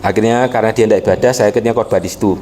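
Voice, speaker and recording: A man preaching a sermon, calling out to the congregation and swinging between quiet storytelling and impassioned exhortation. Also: lowish voice, fairly even intonation, very fast, slight background noise. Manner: addresses the congregation directly. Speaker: pastor.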